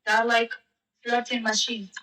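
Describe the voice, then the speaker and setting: A woman's voice: fairly high pitch, level tone, normal speed, sharp tone, recorded from a distance, slight background noise. A woman chatting casually on a live-stream app, speaking in a playful, teasing manner. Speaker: language exchange chat partner. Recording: echoey and off-mic.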